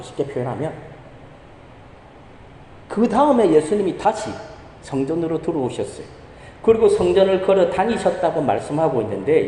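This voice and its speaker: A man's voice: fairly high pitch, warm tone, slight background noise. A male pastor preaching a sermon, who poses rhetorical questions to the congregation and answers them himself. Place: church sanctuary. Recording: echoey church hall with long reverb.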